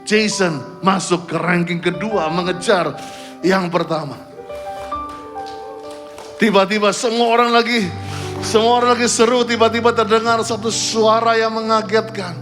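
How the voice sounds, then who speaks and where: Male pastor, middle-aged, high voice, animated sermon storytelling, faint music behind. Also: measured pace, long pauses. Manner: animated, mixes English phrases, shouts quoted cheers. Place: church service.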